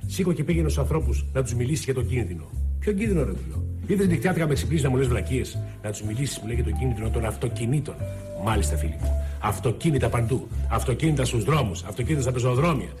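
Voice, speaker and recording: An actor playing an opportunistic middle-aged man who rants theatrically like a TV presenter, rising to shouts. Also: medium pitch, animated, natural voice. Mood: ranting. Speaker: TV series character. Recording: TV clip with music behind.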